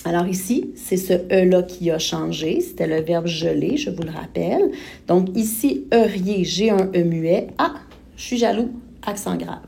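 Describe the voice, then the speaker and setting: A French teacher with a Québécois accent teaches a recorded grammar lesson, patiently spelling out letters and verb endings step by step. Her voice sits on the low side, measured in pace, creaky, mellow, and husky.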